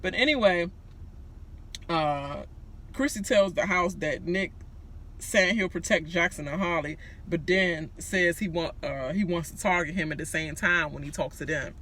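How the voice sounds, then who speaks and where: A man's voice: on the high side, unhurried, sharp tone, slight background noise. A man with a Washington, D.C. accent gives a casual, gossipy recap with sassy, slangy, profane commentary. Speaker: reality show recapper.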